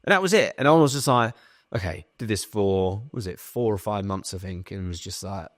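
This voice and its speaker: A young man tells long stories into a studio podcast mic. His voice sits a little low and sounds dry and close. He is animated, swears casually, and slips into other people's voices when he quotes them. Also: fairly quick, no echo. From England. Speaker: guest. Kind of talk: casual storytelling.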